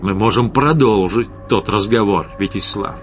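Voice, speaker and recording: A man's voice: on the low side, moderate pace, natural voice. A man voicing an ancient, imperious light mage who accuses and threatens in a rising, commanding voice, over slightly dull audio with faint music behind. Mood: wrathful. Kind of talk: audiobook character voice.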